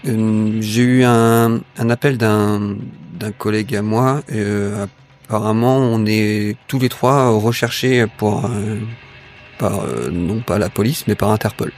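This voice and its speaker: A man playing a tabletop role-playing game, improvising his lines and actions in a hesitant, measured way. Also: lowish voice, steady tone, a little mellow, soft background music. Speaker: tabletop role-play player. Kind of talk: improvised in-character play and narration.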